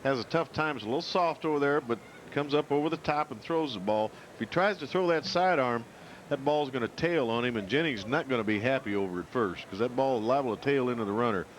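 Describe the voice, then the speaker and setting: A male baseball color commentator with a medium-pitched voice talks through the game in a folksy, conversational manner. Ballpark noise is clearly heard around him. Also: quick pace. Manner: folksy, colloquial. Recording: noisy outdoor ballpark broadcast.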